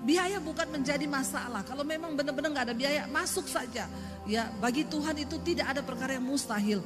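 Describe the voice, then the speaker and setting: A woman's voice: high-pitched, quick pace, music in the background. Emphatic woman preaching in a hall. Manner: emphatic, lively storytelling with acted quotes. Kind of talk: sermon. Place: church hall. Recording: long reverb of a church hall.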